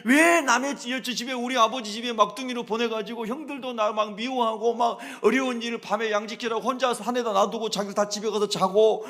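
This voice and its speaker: A pastor voicing a young man who pleads with God and laments his hard life, shouting his questions. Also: extremely high pitch, fairly even intonation, a little fast, few pauses, pitched above the performer's own voice. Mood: anguished pleading.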